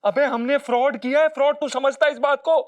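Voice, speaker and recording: A man's voice: extremely high pitch, steady tone, a little fast. An actor in a sitcom playing a grown man who scolds his reckless friend and grumbles to himself about the trouble ahead. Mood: scolding. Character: exasperated male friend and co-schemer, scolding. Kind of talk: sitcom acting.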